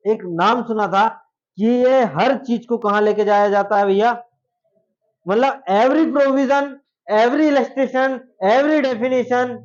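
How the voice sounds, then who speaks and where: A male law teacher giving a classroom lecture, chatty and jokey, often asking his students questions. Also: sits high. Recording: dull lo-fi classroom recording.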